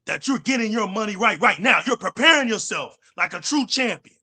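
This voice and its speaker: High, gravelly hype-man co-host. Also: brisk. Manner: hype-man, egging on, wrestling-style excitement. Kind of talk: casual gaming talk show.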